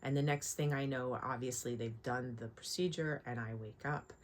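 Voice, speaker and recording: A woman's voice: very deep voice, steady tone, moderate pace, slight background noise. A woman of forty-nine talking casually to her vlog, candid, sweary and rambling with asides, sounding sore and a little shaken after surgery.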